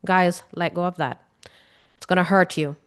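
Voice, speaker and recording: A fairly low-pitched female voice with a clean tone, fairly even intonation and normal speed. The speaker, a Guyanese-accented emotional healing coach, talks casually to camera with earnest repetition and direct questions to her audience.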